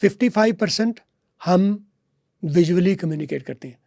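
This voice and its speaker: Gravelly high-voiced man teaching. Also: normal speed, mellow, no room sound, studio quality. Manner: lecturing, repeats example words and asks quiz questions. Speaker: English teacher guest. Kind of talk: podcast interview, explaining.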